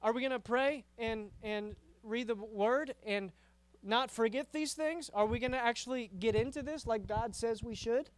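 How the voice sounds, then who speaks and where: A man gives a casual youth sermon in a high, smooth voice. He talks conversationally, repeats words as he goes and keeps asking "right?" The sound is close and dry, with no room echo. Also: normal speed, few pauses. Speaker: youth pastor.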